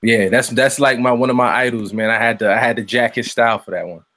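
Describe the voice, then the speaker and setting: A man's voice: mid-range voice, fairly even intonation, quick pace, bright, forceful tone. A man, a rapper chatting as a guest in an easygoing, slangy way. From Brooklyn, New York. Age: late 20s. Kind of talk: casual interview chat.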